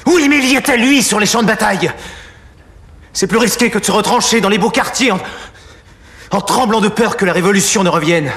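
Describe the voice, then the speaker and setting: A man's voice: lowish voice, expressive, fairly quick, natural voice. A man acting an ambitious young male secretary in a period film drama, earnest and heated when he argues. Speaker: young secretary Julien Sorel.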